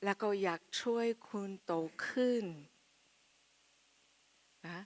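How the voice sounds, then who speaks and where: A woman who is not a native speaker of Thai gives a personal testimony as a missionary speaker, speaking in short, halting phrases of simple Thai and pausing for an interpreter. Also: medium pitch.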